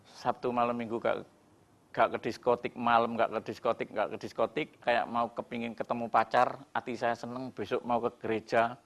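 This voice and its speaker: A middle-aged man tells his conversion story to a church in an earnest, confessional way. His voice sits at a mid pitch and often sinks to a softer level when he recalls his past. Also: level tone, moderate pace, vocal fry. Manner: earnest, confessional, voice dropping soft at times. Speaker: church member giving a testimony. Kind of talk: emotional personal testimony.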